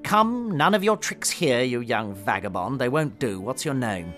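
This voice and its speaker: A man's voice: high-pitched, wildly swooping pitch, moderate pace, music in the background, pitched above the performer's own voice. A man voicing a harsh, contemptuous magistrate who barks at a frightened boy in a storybook reading. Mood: sneering. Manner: barking, contemptuous. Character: harsh, sneering, bullying male magistrate.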